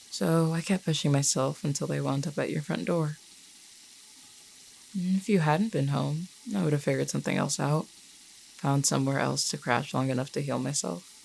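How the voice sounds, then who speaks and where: In an intimate roleplay on a rough recording with a little hiss or hum, an actress plays a wounded yet self-assured werewolf woman, flirty and defiant. Her voice sits very low, heavily gravelled, dark and mellow. Blunt and unhurried, she teases the listener directly and calls them "hun."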